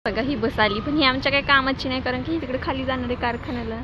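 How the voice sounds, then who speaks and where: Chatty high-voiced young woman vlogging outdoors. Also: quick pace, muffled recording. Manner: chatty, teasing, laughs often. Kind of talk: casual vlog chat to camera. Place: outdoors on village lanes and at a bus stand. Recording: noisy outdoor phone recording. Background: loud street noise.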